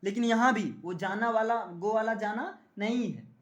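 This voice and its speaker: A man's voice: high voice, normal speed. Joking male grammar teacher. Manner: joking, keeps checking students understand. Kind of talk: classroom lecture.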